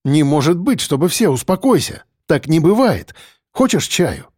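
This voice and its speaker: A man playing a gruff but well-meaning male gym teacher, grumbling and placating. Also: on the high side, big pitch swings, normal speed, darkish tone, no room sound, studio quality. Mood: soothing.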